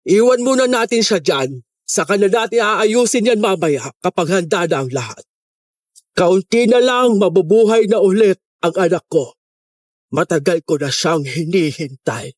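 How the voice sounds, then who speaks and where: A man playing a scheming old matriarch villain who speaks with calm, pitying menace. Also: high voice, a little slow, no room sound, studio quality. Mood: coldly menacing.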